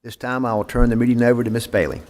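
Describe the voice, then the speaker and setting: Speaking very fast in a mid-range, somewhat mellow voice with fairly even intonation, a man runs a city board meeting. He reads the procedure formally but keeps saying "uh," and his meeting microphone picks up the echo of the city hall council chamber.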